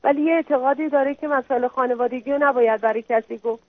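A woman's voice: high-pitched, no room sound. A woman who is a mother calls in to a radio show. She speaks apologetically and pleads with deference. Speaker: caller, a mother. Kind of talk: call-in conversation. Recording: tinny phone line.

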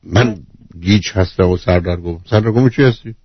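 A man's voice: low voice, slightly rough, dry recording, highs cut off. A man hosting a call-in advice show, bluntly interrupting and lecturing the caller. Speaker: radio advice host. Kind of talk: call-in counselling.

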